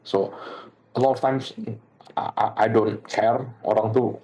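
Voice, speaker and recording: A middle-aged man giving a faith testimony in casual conversation, earnest and animated, laughing as he tells stories and switching often between two languages. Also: on the low side, takes it slowly.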